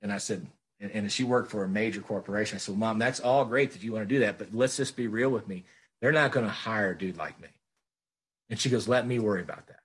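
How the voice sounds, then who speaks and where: A man's voice: lowish voice, quick pace, slightly rough. A middle-aged man speaking at a recovery meeting, earnest and plainspoken, repeating phrases for emphasis.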